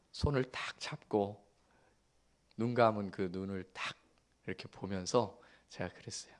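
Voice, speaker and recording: A male pastor in his forties preaching a Sunday sermon, telling family stories with hushed tender passages and bursts of laughter. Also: fairly low pitch. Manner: storytelling, shifting from hushed tenderness to excited laughter.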